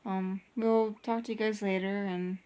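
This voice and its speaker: With a mellow, smooth voice of medium pitch, this young adult vlogger keeps a measured pace and fairly even intonation. She rambles casually in a couple's vlog, often restarting and using fillers.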